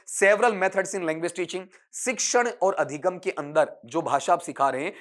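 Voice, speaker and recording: A man with a slightly high voice giving an online exam-prep lecture. He reads English answer options slowly, then explains them at length in Hindi. Along the way he keeps asking questions of his listeners and answering them himself. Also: a bit bright.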